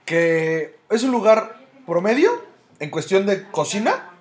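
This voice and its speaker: A man's voice: high-pitched, lively intonation, slow pace. A man with a Mexico City accent, co-hosting a casual, profane chat with friends. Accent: Mexico City Spanish. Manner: profane, slangy banter. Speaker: podcast co-host.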